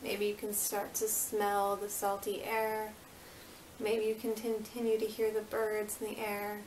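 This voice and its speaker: A woman yoga instructor leading a guided meditation with soothing, unhurried, gently repeated instructions. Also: medium pitch, completely flat delivery. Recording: roomy, distant mic with faint noise.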